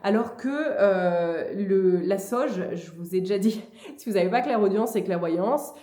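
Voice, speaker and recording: A woman's voice: mid-range voice, animated, warm tone. Chatty woman vlogging in an echoey room. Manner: chatty and hesitant, with frequent pauses. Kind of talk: casual spiritual advice vlog.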